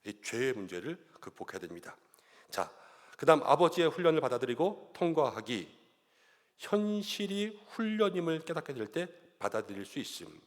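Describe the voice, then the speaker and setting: A middle-aged man preaching a sermon as pastor, animated and acting out little voices and quotes as he goes. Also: a little high, moderate pace. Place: church sanctuary. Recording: long church-hall reverb.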